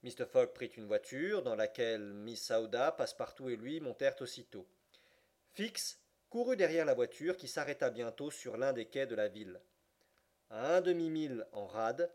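A man narrating an audiobook with a steady, measured reading. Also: medium pitch. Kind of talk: scripted narration.

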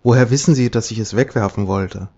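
A man voicing a timid, dignified professor who speaks formally and haltingly, in a dull lo-fi audiobook recording. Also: on the low side, warm tone. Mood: hesitant.

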